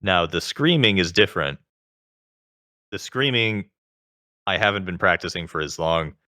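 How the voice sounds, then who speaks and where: A man explaining things conversationally as an interview guest, in a measured, qualifying way, with vocal fry in his voice. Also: low-pitched, pushed and bright, no room sound, studio quality. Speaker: interview guest, self-taught singer.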